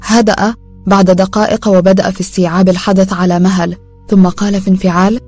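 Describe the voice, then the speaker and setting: Woman, audiobook narrator, fast, steady, mid pitch. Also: soft background music.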